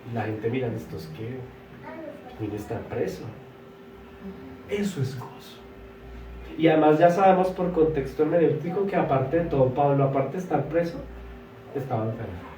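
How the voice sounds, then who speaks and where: A pastor preaching a sermon, swinging between loud emphatic exclamations and soft asides, and stretching words slowly for emphasis. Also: male voice, fairly high pitch, lively intonation, distant mic. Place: church hall. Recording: echoey church, voice from afar.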